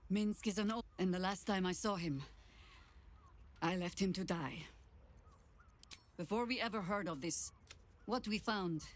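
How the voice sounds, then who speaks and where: A woman acting as a seasoned old warrior in a fantasy video game, weighed down by guilt. She speaks gravely and with measured care, in a mid-pitched voice. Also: close to an everyday voice. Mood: grave, regretful. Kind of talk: dramatic video game dialogue.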